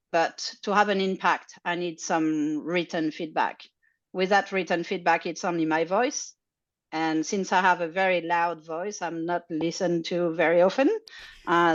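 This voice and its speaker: A woman with a lowish voice, a charging network representative, gives a casual online Q&A update. She's chatty and explanatory, laughs lightly, and says "uh" often. The call sounds dull and lo-fi.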